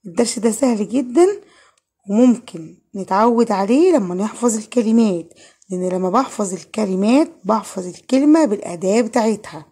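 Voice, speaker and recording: A woman's voice: medium pitch, fairly quick, dark tone, husky. A woman with an Egyptian Arabic accent giving an online French grammar lesson, patiently asking questions and answering them herself. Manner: patient, asks and answers her own questions. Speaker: French teacher.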